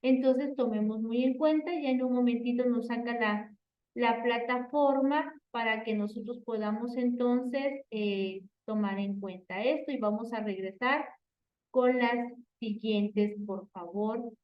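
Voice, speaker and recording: Slow-speaking woman teaching in an echoey room. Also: a little high. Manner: slow, repetitive explaining with frequent "entonces" and "por favor". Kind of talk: online class lesson. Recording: echoey, distant, dull online audio.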